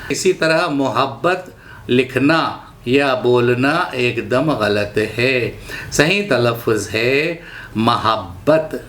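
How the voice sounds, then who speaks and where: A man with a Nagpur accent teaching Urdu pronunciation, saying each word slowly and repeating it with care. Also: medium pitch, fairly bright tone. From India. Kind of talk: slow instructional talk.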